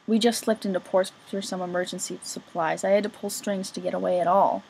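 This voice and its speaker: A woman voicing a hearty, jovial navy captain father with a booming manner. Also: fairly even intonation, a little fast, vocal fry, a little mellow, slight background noise, low-quality recording. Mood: apologetic.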